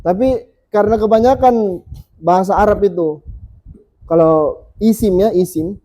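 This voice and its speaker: Seorang guru mengaji pria yang mengajar kelas dengan sabar, mengulang bunyi huruf perlahan untuk murid-muridnya. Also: male voice, high voice, warm tone, rough recording. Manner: patient, repeats sounds slowly for students. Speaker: Quran reading teacher. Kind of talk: teaching a class.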